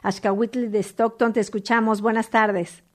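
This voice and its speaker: A woman's voice: a little high, level tone, normal speed. A woman hosting a call-in radio show, chatting in a friendly, conversational way. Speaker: radio host.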